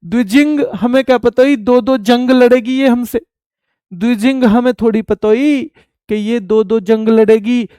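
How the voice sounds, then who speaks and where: A male teacher giving an exam-prep lecture, telling a lively story with rural dialect words and repeating key terms to drill them. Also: extremely high pitch, a little slow, clear, resonant tone, no room sound, studio quality.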